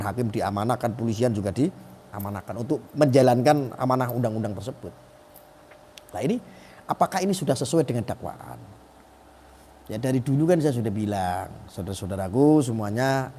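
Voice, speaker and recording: A man's voice: medium pitch, darkish tone, long reverb tail, a little hiss or hum. A middle-aged man giving emphatic live-stream commentary, asking rhetorical questions and acting out quoted voices.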